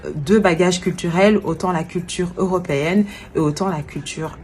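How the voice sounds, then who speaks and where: Earnest low-voiced young woman. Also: moderate pace, darkish tone. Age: 20s. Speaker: life coach and event planner. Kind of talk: personal video message.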